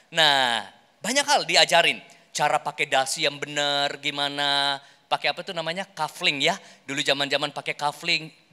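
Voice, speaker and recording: Male pastor, high-pitched voice, forceful bright tone, conversational sermon teaching, addresses listeners often. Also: smooth. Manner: conversational, repeatedly addressing the congregation, acting out short examples. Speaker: pastor giving a workshop talk. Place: large hall, speaking to an audience. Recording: echoing hall with long reverb.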